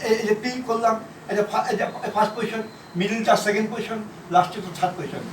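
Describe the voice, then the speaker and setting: A man from India teaching a shorthand class, explaining slowly and repeating himself, letter by letter. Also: sits high, fairly even intonation, noisy background. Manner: repetitive, halting, spells out letters. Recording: echoey room from far off.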